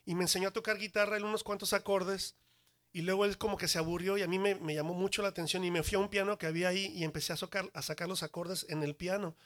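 A man, a church worship leader, telling his personal conversion testimony in an animated way with humorous asides. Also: sits high, fast.

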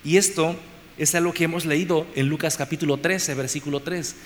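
A man delivers an expository sermon, driving his points home by repeating phrases and moving between loud stresses and quiet lines. His voice sits fairly high for a man. It rings with long reverb over faint background noise, as in a church hall. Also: fairly even intonation, fairly quick. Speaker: preacher.

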